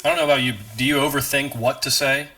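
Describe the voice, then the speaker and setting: A man's voice: medium pitch, flat delivery, fast talker, pushed and bright. Blunt, profane man in casual chat. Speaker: podcast co-host. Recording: distant from the mic.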